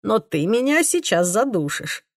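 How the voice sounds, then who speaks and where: A woman's voice: medium pitch, sing-song, measured pace, no echo, clean studio sound. A woman voicing a cheerful, teasing young man with a slightly childlike voice in an audiobook. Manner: light, joking, a little youthful.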